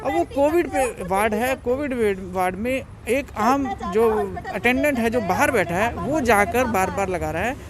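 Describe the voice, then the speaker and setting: Interviewee, man, high voice, agitated testimony, outdoor crowd noise. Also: expressive, moderate pace, hardly any pauses. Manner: agitated, quotes others in dialogue. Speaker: relative of the deceased, interviewee. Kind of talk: testimony to a reporter. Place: outdoors at a cremation ground.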